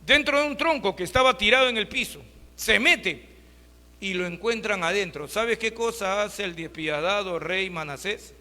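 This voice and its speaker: A man's voice: high voice, expressive, normal speed, sharp tone, big-room sound. A pastor delivering a sermon, who keeps asking his listeners rhetorical questions and calls them brothers. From Peru.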